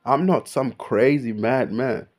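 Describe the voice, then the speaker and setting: A man's voice: medium pitch, takes it slowly, darkish tone. A young man, born in Kenya, ranting in a casual unscripted monologue, emphatic and full of slang. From born in Kenya, raised in Australia. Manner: slangy, emphatic, keeps saying bro. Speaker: vlogger.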